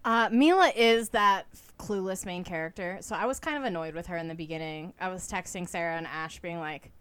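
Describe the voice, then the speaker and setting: A woman's voice: lowish voice, a little fast, a bit bright, smooth. A woman hosting a podcast, chatting casually about books and using many "like" fillers. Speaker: podcast host. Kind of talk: casual book chat.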